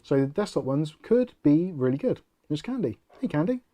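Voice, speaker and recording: A middle-aged man from the United Kingdom hosts a casual tech channel livestream, rambling, joking and poking fun at himself as he reads viewer comments aloud. His voice is a little high and sing-song, warm in tone, at a normal speed, and the sound is lo-fi.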